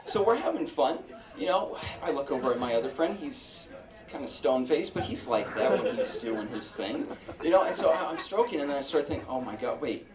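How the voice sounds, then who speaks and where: A man performs stand-up in a club, his voice bouncing with lively pitch as he halts and restarts and picks on audience members. He is recorded from a distance in an echoey room. Loud audience laughter surrounds him. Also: a crowd in the background. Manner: halting, full of fillers and restarts; addresses audience members directly. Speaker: stand-up comedian. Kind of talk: stand-up comedy set. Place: comedy club stage with live audience.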